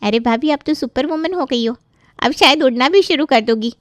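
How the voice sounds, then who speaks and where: A playful young sister-in-law from an animated family tale who likes to joke, played by a woman. Her voice sits a little high. The sound is dry and close. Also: moderate pace, dry recording, close to an everyday voice. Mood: teasing. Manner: playful, teasing.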